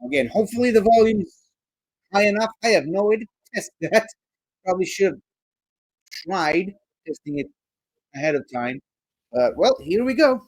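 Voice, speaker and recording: A young man giving casual, rambling, enthusiastic commentary while rewatching a movie, often correcting himself. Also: sits high.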